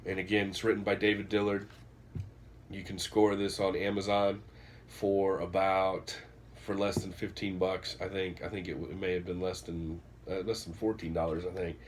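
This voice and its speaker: Over a faint hiss or hum, a man with a low voice talks up a book in his vlog, sounding blocked-up and nasal from a cold. His casual ramble is packed with filler words and false starts.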